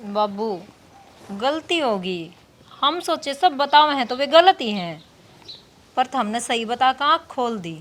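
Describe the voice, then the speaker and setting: An actress playing a young village daughter-in-law who speaks in a hushed, plotting way with a Haryanvi accent. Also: female voice, sits high, sing-song, takes it slowly, exaggerated voice. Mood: apologetic.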